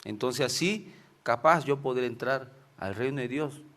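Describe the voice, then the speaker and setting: A man from Venezuela, with a Venezuelan Spanish accent, shares stories in an informal sermon and often ends his phrases with tag questions. His medium-pitched voice is unhurried and a bit bright.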